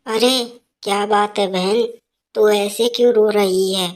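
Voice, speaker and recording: A woman's voice: mid-range voice, fairly even intonation, takes it slowly, lightly acted. A woman voicing a meddling neighbor woman in a cartoon story, coaxing and prying.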